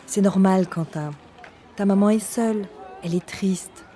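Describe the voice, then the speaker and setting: A woman voicing another boy's mother, a warm, always-smiling woman who speaks calmly and reassuringly. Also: medium pitch, a little slow, a faint crowd, voice pushed down, close to an everyday voice. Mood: soothing.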